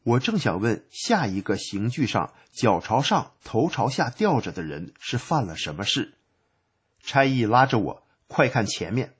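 A man's voice: mid-range voice, sing-song, unhurried, breathy edge. A man narrating a first-person story in a plain recounting manner.

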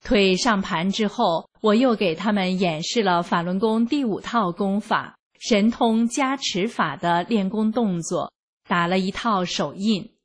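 A woman narrates a personal testimony in a slow, deliberate reading. Her voice is soft and breathy, with an earnest, measured delivery. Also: mid-range voice. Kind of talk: scripted first-person narration.

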